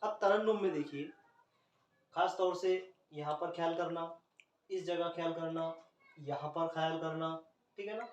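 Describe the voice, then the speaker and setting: A man's voice: fairly high pitch, moderate pace, pauses often, distant mic, lo-fi sound. A man teaching an Urdu poetry scansion lesson, spelling out letters one by one in an Indian Urdu accent. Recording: roomy echo, speaker off the mic.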